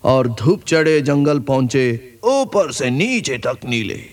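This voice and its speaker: A man's voice: mid-range voice, animated, slow. Playful sing-song male storyteller. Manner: playful sing-song telling, half spoken half sung. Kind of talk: sung children's story with a listener. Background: loud folk music.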